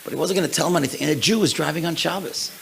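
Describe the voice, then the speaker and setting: Gravelly rabbi telling stories. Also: male voice, a little high, very fast, slight background noise, poor audio. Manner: animated storyteller, acts out the people in his stories. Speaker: rabbi and lecturer. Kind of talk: storytelling lecture. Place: synagogue event hall.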